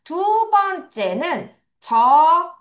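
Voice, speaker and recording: Woman, children's English teacher, unhurried and sing-song, playful drills, roomy echo. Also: extremely high pitch. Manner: animated, playful sound words, drills pronunciation. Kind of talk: children's vocabulary lesson. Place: academy classroom or studio. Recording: echoey room.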